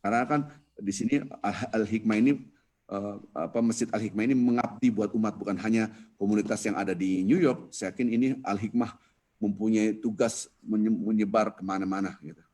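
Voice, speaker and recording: A man teaching an Islamic dawn lecture on a video call, telling stories with a lively, rising voice when he explains. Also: brisk. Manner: lively storytelling preacher, rises in pitch when explaining. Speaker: ustadz giving a dawn study lecture.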